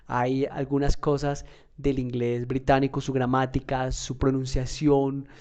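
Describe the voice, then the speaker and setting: Man, teacher, warm relaxed tone, mid pitch, chatty explaining, frequent check-ins. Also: clear, resonant tone, muffled recording. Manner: conversational, checks in with "¿listo?" and "¿verdad?"; fillers and restarts, measured explaining. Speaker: English teacher. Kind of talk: casual spoken lesson.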